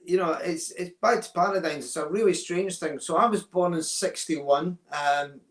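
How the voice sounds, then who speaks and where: A Scottish man in his sixties explains ideas thoughtfully as an interview guest, often repeating words and checking in with "right?". His voice leans high, his pace is moderate, and the recording sounds roomy.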